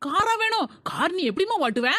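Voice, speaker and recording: A woman playing a fast-talking mother. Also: very high-pitched, big pitch swings, very noisy. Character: busy young mother soothing her children. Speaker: mother in a family skit. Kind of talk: casual family comedy skit.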